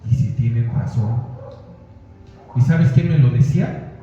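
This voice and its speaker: Pastor preaching in an echoey hall. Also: male voice, medium pitch, a little slow, mellow. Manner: conversational preaching, addressing listeners directly. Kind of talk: sermon. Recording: echoey hall, dull lo-fi sound.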